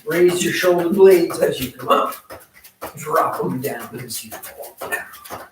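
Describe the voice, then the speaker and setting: A woman's voice: fairly low pitch, lively intonation, slow pace. A woman giving brief, casual exercise cues with some dry banter as a co-instructor. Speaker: workout co-instructor. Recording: echoey, distant mic, faint noise.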